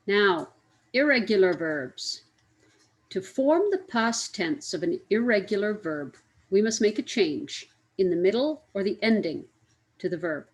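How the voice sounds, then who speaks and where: A woman's voice: mid-range voice, expressive, a little slow, poor audio. A woman teaching an English grammar lesson, speaking carefully, spelling out letters and repeating each example.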